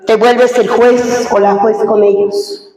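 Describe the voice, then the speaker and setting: A woman's voice: on the high side, flat delivery, slow pace, mellow. A middle-aged woman pastor gives an emotional church testimony, asking her congregation rhetorical questions. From Mexico. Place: large church hall. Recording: echoey hall heard from far off.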